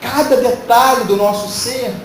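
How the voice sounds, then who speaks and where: A man's voice: very high-pitched, fairly even intonation, unhurried. A male pastor preaching a sermon, emphatic and full of rhetorical questions to the congregation. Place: church hall. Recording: very echoey hall from far off, faint noise.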